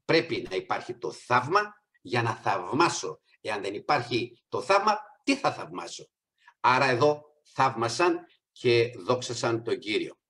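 A middle-aged man preaching a sermon, addressing the congregation as brothers and sisters, with soft asides and raised, emphatic peaks. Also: medium pitch, very animated.

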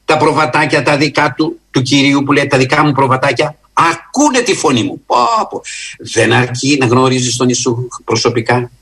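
A man preaching a sermon in an earnest, emphatic way, often rising in pitch and slowing for stress. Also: slightly rough. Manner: earnest, emphatic, with lively rises in pitch and slow stressed phrases.

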